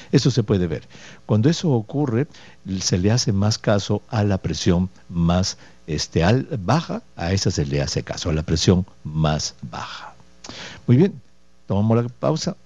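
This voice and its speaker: Dark-voiced male radio doctor. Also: low voice. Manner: explanatory, rhetorical questions and tag checks; folksy diminutives and patient repetition. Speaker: radio doctor host answering listener questions. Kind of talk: radio health call-in advice. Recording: dull, dry lo-fi radio studio audio.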